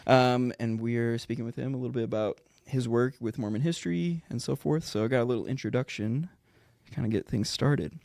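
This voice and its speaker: A man's voice: medium pitch, fairly quick, vocal fry, a little mellow, dry recording, clean studio sound. A man hosting a podcast in casual chat, reading the guest's introduction and laughing easily. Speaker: podcast host. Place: studio.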